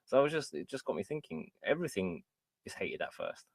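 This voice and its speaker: Casual male talker, expressive intonation, dry recording, loose sweary phrasing. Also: mid-range voice, a little fast, gravelly, no echo. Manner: informal, sweary. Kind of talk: casual chat.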